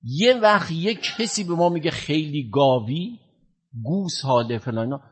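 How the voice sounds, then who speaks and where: Husky-voiced man preaching with loud swings. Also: a little high. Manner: animated, swings from loud to hushed. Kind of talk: sermon with storytelling. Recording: dull lo-fi sound.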